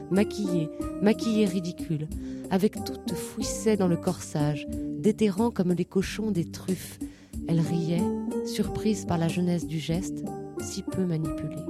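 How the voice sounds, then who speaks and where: A woman narrating a literary story, reading short phrases in a measured, rhythmic way. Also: lowish voice. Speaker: audiobook narrator.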